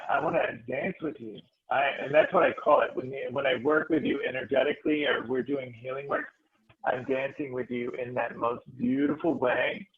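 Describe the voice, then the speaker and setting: A man, a spiritual healer, telling a heartfelt story to a meditation group, animated and restarting his phrases. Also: a little high, gravelly. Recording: tinny phone-like audio.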